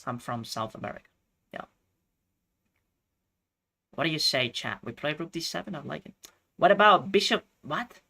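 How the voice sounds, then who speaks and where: A man from Chile streaming chess, thinking out loud through his moves and chatting with viewers. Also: a little high, lively intonation, moderate pace, gravelly, long pauses, slight background noise. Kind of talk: live-stream commentary.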